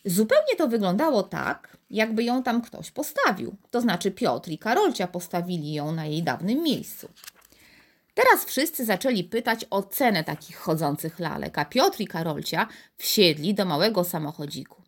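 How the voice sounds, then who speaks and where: A woman's voice: medium pitch, normal speed. A woman reading a children's story aloud as the narrator. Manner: expressive, animated.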